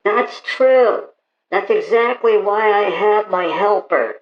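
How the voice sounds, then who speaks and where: A man's voice: sits high, voice pushed up. Man doing a touchy caller talking through a tube. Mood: plain, defensive. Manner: defensive, quickly takes offense. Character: touchy male caller who hates being talked over. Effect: talking through a paper towel tube. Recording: hollow muffled echo through a cardboard tube.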